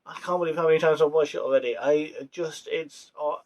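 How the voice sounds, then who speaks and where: A man's voice: a little high, steady tone, a little fast, a little mellow. A young man casually reviewing a show on his vlog, rambling with fillers and restarts. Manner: rambling, many fillers and restarts, laughs at his own jokes. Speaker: vlogger reviewing a TV series.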